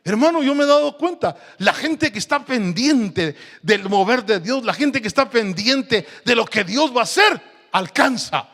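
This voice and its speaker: A man preaching an evangelical sermon, asking the congregation questions and swinging between loud and soft. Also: very high-pitched, lively intonation, normal speed, big-room sound. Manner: rhetorical questions to the congregation, dramatic swings in loudness. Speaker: pastor.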